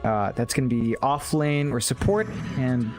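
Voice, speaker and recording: A man casting an esports match, giving quick analytical draft commentary with stammered restarts. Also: medium pitch, music in the background. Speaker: esports caster.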